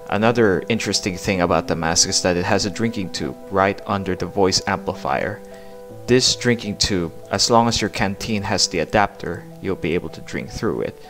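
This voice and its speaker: A man narrating a hands-on product review in a plain-spoken, explanatory way. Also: low voice.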